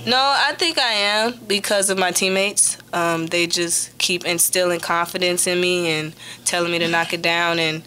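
A young woman who plays college basketball, answering reporters at a postgame press conference into a table mic, steady and plain, often starting with "um". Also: on the low side, moderate pace, hardly any pauses, slight background noise. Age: young adult. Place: press room in front of a sponsor backdrop. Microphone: table mic on a stand.

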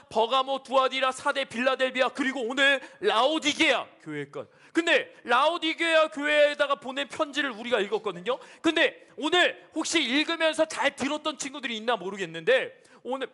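A male pastor giving a children's sermon, telling the story with lively energy and asking the kids questions. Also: very high voice.

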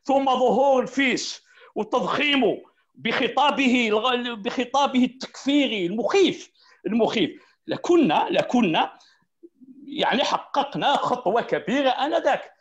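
A man's voice: very high-pitched, lively intonation, normal speed, dull audio. A man with an Algerian Arabic accent, a panelist arguing his point in a heated debate, repeating key words and laughing between points.

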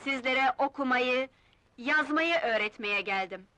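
A kind, idealistic village schoolteacher in an old film melodrama. Her voice is fairly high and forceful, with earnest, carefully declaimed phrases. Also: a little slow, no echo. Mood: earnest, resolute.

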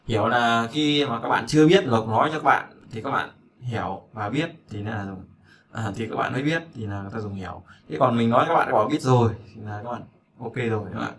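Guy teaching english, chatty, repeats stuff a lot, kinda gravelly. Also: medium pitch, fairly quick, a bit bright, slight background noise. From Vietnam. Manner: chatty, repeats words, asks learners if they follow. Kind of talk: casual spoken lesson.

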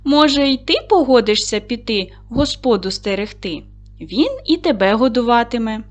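A woman's voice: on the high side, lively intonation, moderate pace, lightly acted. A friendly well-fed guard dog, as a woman reads him out.

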